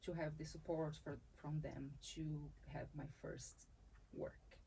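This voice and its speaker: A Brazilian woman from Salvador, Bahia, whose first language is Portuguese, speaks in a low, gravelly, dark voice with a breathy edge, keeping a level tone and a slow pace. She is a dancer and capoeira teacher in a conversational interview, thoughtful, often restarting her phrases and laughing easily. The recording quality is low.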